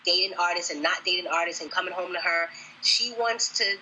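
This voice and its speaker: A woman's voice: lowish voice, fairly quick, bright, forceful tone, muffled recording, a little hiss or hum. A woman co-hosting a casual talk, agreeable and earnest, with emphatic opinions. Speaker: co-host. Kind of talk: casual chat.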